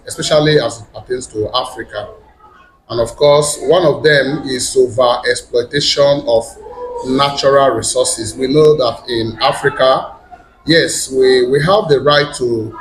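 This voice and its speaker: A man with a Nigerian accent, a priest who lectures in philosophy, speaks at a measured academic pace and leans on small filler phrases. His mid-pitched voice rings in an echoey room, with a faint noise bed underneath. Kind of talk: academic talk.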